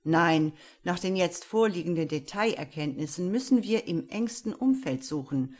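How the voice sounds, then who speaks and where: Woman voicing a male police commissioner, businesslike, matter-of-fact, lowish husky voice, crime story. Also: lively intonation, moderate pace, darkish tone. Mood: firm.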